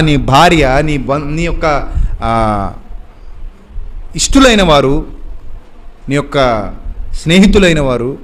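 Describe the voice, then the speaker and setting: A male preacher delivering a sermon, admonishing his listeners with many rhetorical questions. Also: a little high.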